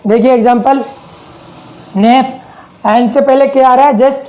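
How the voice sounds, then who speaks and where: A man's voice: extremely high pitch, fairly even intonation, measured pace, darkish tone, poor audio. A man teaching an English lesson with a Hindi accent, repeating points and asking rhetorical questions to check understanding. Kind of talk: classroom lesson.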